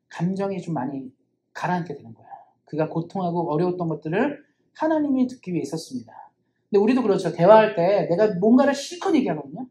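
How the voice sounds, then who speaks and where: A woman's voice: mid-range voice, dark tone, echoey room. A woman pastor preaching a sermon in church in an earnest, conversational way, asking rhetorical questions.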